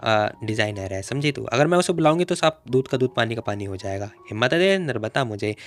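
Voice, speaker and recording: A man's voice: mid-range voice, animated, fairly quick, faint music behind, voice pushed down, close to an everyday voice. A man voicing a bold, defiant young woman who taunts and threatens her rival in a storytelling recap.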